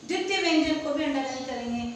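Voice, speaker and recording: A woman's voice: high-pitched, animated, fast talker, slight background noise. A woman teaching a classroom lesson, drilling pupils with questions she answers herself and mixing in English words. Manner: mixes English words into Hindi. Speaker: school teacher. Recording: echoey classroom from far off.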